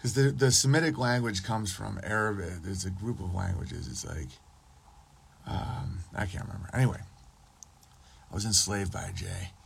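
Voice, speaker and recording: A man's voice: deep voice, moderate pace, creaky, slight background noise. A man streaming a casual, rambling monologue, often profane and losing his train of thought. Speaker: podcast streamer.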